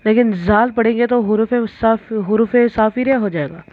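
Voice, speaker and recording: In a slow recitation lesson, a woman with a higher voice teaches the Arabic alphabet at a moderate pace, stretching out each letter sound between brief explanations. There's no room sound, though the recording is tinny and phone-like.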